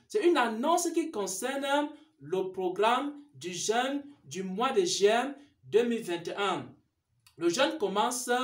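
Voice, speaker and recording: A church minister giving a sermon-style announcement, with repeated rhetorical questions and answers. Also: mid-range voice. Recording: roomy echo.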